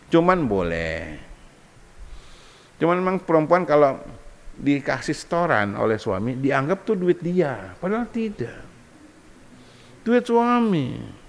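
Animated male preacher in a hall. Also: on the high side. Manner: joking, animated storytelling with acted-out quotes. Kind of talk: humorous Islamic sermon. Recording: long hall reverb.

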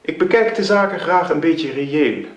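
A man's voice: on the high side, animated, natural voice. Old radio drama, actor doing sardonic rich guy, theatrical, swoopy delivery, echoey room. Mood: wry, mocking. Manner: theatrical, mocking, deliberate phrasing. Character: sardonic, haughty wealthy brother with a biting wit.

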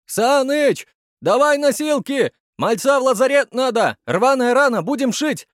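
A man's voice: a little high, animated, unhurried, no echo, clean studio sound, pitched above the performer's own voice. A man voicing a stooped, folksy middle-aged medic who fusses and calls out. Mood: shouting. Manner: folksy, fussing, shouting.

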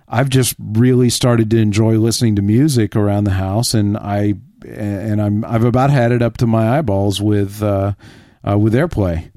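A man's voice: fairly low pitch, dark tone, no room sound, clean studio sound. A man co-hosting a tech podcast, chatting in an informal, opinionated way. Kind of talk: casual chat.

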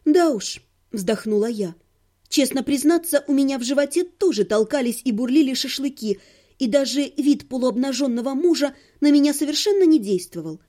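A woman narrates a humorous first-person fantasy audiobook in a high, expressive, mellow voice at a brisk pace. Her manner is wry and ironic.

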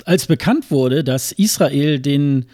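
A man's voice: a little high, lively intonation, takes it slowly, warm tone, dry recording. Hesitant man co-hosting a podcast. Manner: hesitant, many fillers and restarts. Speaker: podcast co-host. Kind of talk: casual chat.

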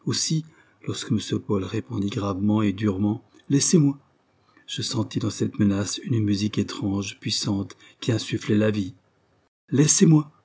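A man reading a novel aloud as an audiobook narrator, in a measured, literary way. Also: on the low side, darkish tone, breathy edge. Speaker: audiobook reader. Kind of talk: scripted narration.

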